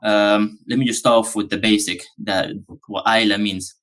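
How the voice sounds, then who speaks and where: Speaking at normal speed in a fairly low voice, an Afghan business founder chats on a podcast interview. He's laid-back and rambling, filling gaps with frequent ums and uhs.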